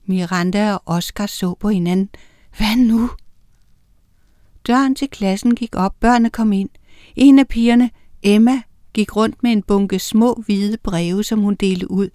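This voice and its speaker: A woman narrating a children's audiobook, reading with lively character voices. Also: mid-range voice, no room sound, studio quality.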